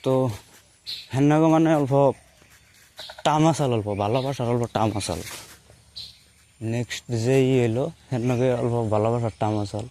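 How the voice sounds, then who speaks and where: With a warm, mid-range voice at a moderate pace, this young storyteller pauses often while recounting his life in a rural Assam dialect of Bengali. His telling is loose and casual, looping back to say things again in other words.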